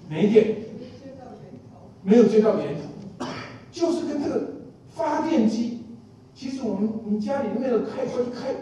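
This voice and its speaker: High-voiced male preacher in an echoey room. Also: warm tone, slight background noise. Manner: folksy, asks the listeners questions, repeats phrases. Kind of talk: sermon. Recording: echoey room from a distant mic.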